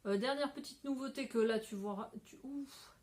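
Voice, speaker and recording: A woman's voice: high voice, moderate pace, a little mellow. Chatty woman vlogging about crafts. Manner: chatty, rambling, laughs often. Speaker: craft podcaster. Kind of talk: casual chat to camera. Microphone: phone camera.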